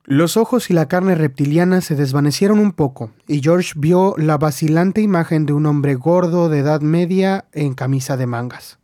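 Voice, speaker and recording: Fairly high-voiced male storyteller. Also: moderate pace, few pauses, warm tone, no room sound, clean studio sound. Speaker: audiobook narrator. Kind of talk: scripted narration.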